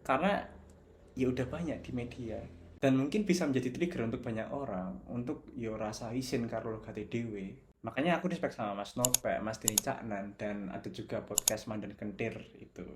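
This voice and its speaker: A man's voice: mid-range voice, normal speed, background noise. A young man from Java with a Javanese accent, giving a casual reflective video commentary and slipping between Javanese, Indonesian and English. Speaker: video essayist.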